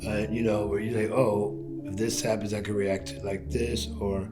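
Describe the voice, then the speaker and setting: Flat-toned man in his forties. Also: lowish voice, moderate pace. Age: 40s. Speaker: program participant. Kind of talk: testimonial interview. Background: guitar music.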